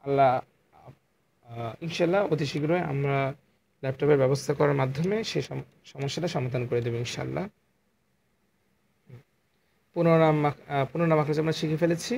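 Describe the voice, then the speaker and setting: A man teaching Quran letter articulation in an online class, explaining slowly and repeating each letter sound for his students. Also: on the high side, vocal fry, darkish tone, a little hiss or hum. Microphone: phone.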